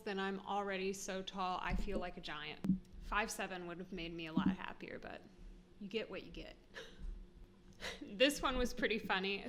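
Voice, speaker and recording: A woman's voice: mid-range voice, bright, forceful tone, a little hiss or hum. Giggly American woman vlogging. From United States. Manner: chatty, giggly, self-deprecating. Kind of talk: casual talk to camera.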